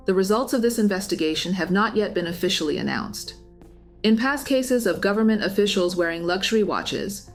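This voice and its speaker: A woman reading a scripted documentary-style narration of a news story. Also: medium pitch.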